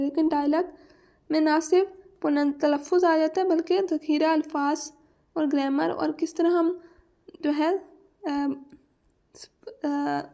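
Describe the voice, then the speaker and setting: A Pakistani woman teaching a lesson on pronunciation, reading English points slowly and then explaining them in Urdu. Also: sits high, warm tone.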